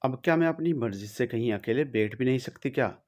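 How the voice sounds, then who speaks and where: A man's voice: lowish voice, normal speed, darkish tone, close to an everyday voice. A man voicing a withdrawn young woman. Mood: irritated. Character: young woman, quiet, withdrawn, sharp when cornered.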